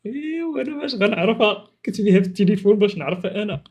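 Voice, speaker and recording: A man's voice: high voice, lively intonation, very fast, a little mellow, breathy edge, muffled recording. A man with a Moroccan accent chatting casually and teasingly as he reacts to clips, with exclamations. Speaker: video creator reacting to funny clips.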